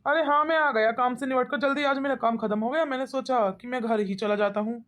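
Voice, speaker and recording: A performer voicing an easygoing grown man in a cartoon, talking in a casual, relaxed way. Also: high-pitched, fast, pitched below the performer's own voice. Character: easygoing grown man, husband and older brother. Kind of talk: cartoon voice acting.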